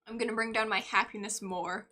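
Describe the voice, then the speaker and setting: A young woman streams a game live and chats to herself as she plays. Her voice is bright and fairly high, and she breaks into loud exclamations and giggles. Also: fairly even intonation, fairly quick.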